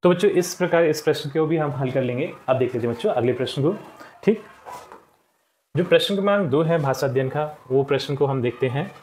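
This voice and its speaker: Patient male teacher, higher voice. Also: a little fast, darkish tone, a little hiss or hum. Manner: patient, repeats answers, frequent "theek hai". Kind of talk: explaining a textbook lesson.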